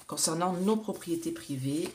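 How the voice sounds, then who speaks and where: Low-voiced woman in her forties. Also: moderate pace, darkish tone, slight background noise. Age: 40s. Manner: chatty, talks straight to viewers with many hesitations. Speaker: psychic card reader. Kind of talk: casual oracle card reading to camera.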